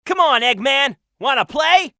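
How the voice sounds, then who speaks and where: A man's voice: very high voice, expressive, unhurried, sharp tone, dry recording, studio quality, exaggerated voice. A man voicing a cocky, daring young hedgehog hero in a video game, with a breezy, confident manner. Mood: excited, cocky.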